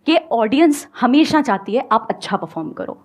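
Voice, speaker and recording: A woman with a fairly high voice, coaching an audience from a stage. She explains patiently with homely examples and slips English phrases into her talk. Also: very animated, moderate pace. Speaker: guest speaker. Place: stage before a live audience.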